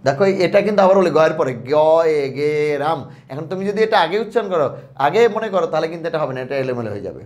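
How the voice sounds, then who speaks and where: A man teaching an exam-prep lesson, speaking slowly and repeating words so his students can follow. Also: on the high side, expressive.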